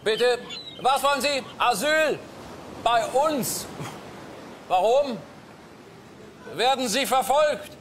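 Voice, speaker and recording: A man's voice: extremely high pitch, slow pace, pauses often, a bit bright, slight background noise, full character voice. A man playing a smug male cruise passenger who talks in a pompous, lecturing way.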